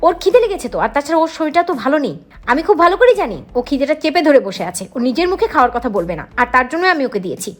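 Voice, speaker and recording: A woman's voice: sits high, very animated, rapid-fire. A woman voicing a stubborn, protective young husband who firmly stands up to his mother in a retold serial. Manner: firm, defiant, teasing at times.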